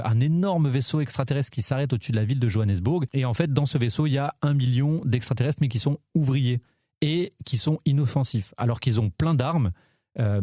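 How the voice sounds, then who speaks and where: Warm-voiced man, eager film chat. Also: medium pitch, no room sound, studio quality. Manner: enthusiastic, many fillers and restarts. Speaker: podcast co-host. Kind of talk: casual film podcast chat.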